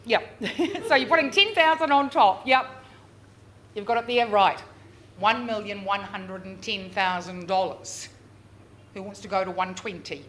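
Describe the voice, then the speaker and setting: A woman working as a real estate auctioneer, calling bids live with drawn-out repeated figures and chatty coaxing of bidders. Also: mid-range voice, a bit bright. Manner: drawn-out, repeated bid calls. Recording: noisy live auction room.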